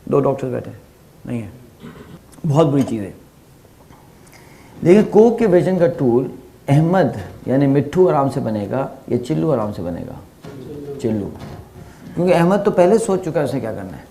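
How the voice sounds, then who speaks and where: A middle-aged male teacher giving a conversational lecture, telling lively stories and asking his listeners questions, with English phrases mixed in. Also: medium pitch, gravelly, pauses often, slight background noise. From Pakistan. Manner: animated storytelling with rhetorical questions and English phrases.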